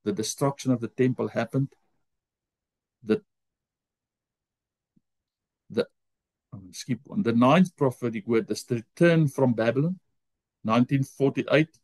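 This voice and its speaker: A native Afrikaans-speaking man with an Afrikaans accent teaches a Bible college lesson over a video call. He reads scripture slowly and frequently pauses to correct himself. His voice is medium in pitch and a little mellow, on a dry recording.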